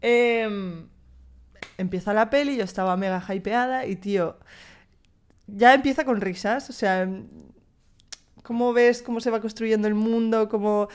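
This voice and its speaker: A woman's voice: a little high, fairly even intonation, a little slow, long pauses, clean tone. A young woman with a Spain Spanish accent, hosting a casual podcast monologue in a chatty, slangy, mildly profane way. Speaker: podcast host.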